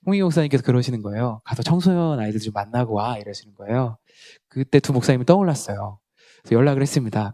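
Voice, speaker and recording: A young man giving a sermon, telling stories and acting out dialogue, with swings from loud to quiet. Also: mid-range voice, no room sound, studio quality. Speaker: preacher.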